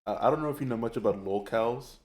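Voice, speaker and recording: A man's voice: mid-range voice, fast talker. A man chatting casually, rambling and hesitant, with many fillers. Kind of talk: casual chat.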